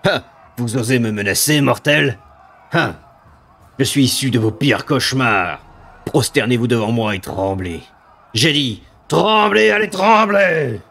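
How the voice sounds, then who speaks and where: A man voicing a ravenous demon from a video game, a haughty dark lord who taunts with drawn-out, mocking menace. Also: medium pitch, lively intonation, gravelly, voice pushed up, exaggerated voice. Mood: menacing, commanding. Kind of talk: dramatic video game villain read aloud.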